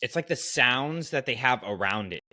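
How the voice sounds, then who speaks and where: A man of medium pitch hosts a casual fiction podcast, speaking expressively at a normal speed with a bright, forceful tone. He muses aloud and shares opinions as they come, captured in a dry recording.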